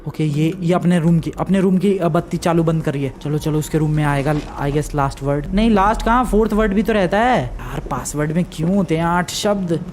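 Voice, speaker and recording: A man's voice: on the high side, a little fast, hardly any pauses, a little mellow, a little hiss or hum. A man commentating a horror game for viewers, jumpy and easily frustrated, yelping at scares. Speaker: gaming YouTuber.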